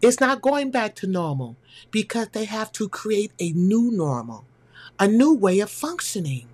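A woman's voice: medium pitch, big pitch swings, measured pace, a little mellow, breathy edge, no echo. A woman hosting a podcast, delivering a scripted inspirational monologue in an earnest, emphatic way, speaking directly to the listener. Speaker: podcast host and counselor.

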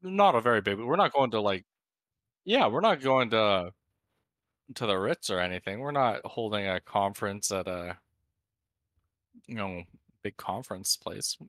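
A man who is high, hosting a casual, unscripted podcast chat in a laid-back stoner manner. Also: animated, moderate pace, long pauses, fairly bright tone, dry recording, studio quality. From Canada. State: high on cannabis. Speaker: podcast host.

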